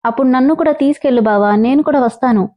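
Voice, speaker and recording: A woman's voice: high-pitched, quick pace, muffled recording, close to an everyday voice. A woman voicing a sulky little village girl who whines and sobs through her lines in a storybook reading. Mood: tearful. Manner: whiny, sobbing, petulant.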